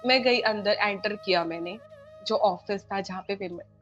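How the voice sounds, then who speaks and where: A woman's voice: medium pitch, moderate pace. A young woman from India, a guest on a podcast, retelling a personal story with feeling, acting out the lines of each person and repeating phrases. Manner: animated retelling, acts out dialogue, repeats phrases. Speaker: guest devotee. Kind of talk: emotional storytelling in a podcast interview. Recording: dull lo-fi sound with faint music.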